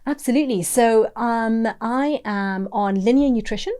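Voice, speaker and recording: A woman's voice: fairly high pitch, normal speed, mellow, clear, resonant tone. A woman from Zambia, a nutritionist guest, talking casually and expressively in an interview, laughing easily.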